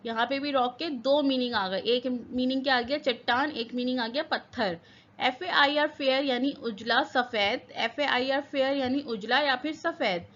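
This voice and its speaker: A woman's voice: sits high, normal speed, a bit bright, lo-fi sound. A woman teaching English vocabulary. She spells each word letter by letter, repeats its meanings, and asks questions that she answers herself. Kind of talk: vocabulary lesson.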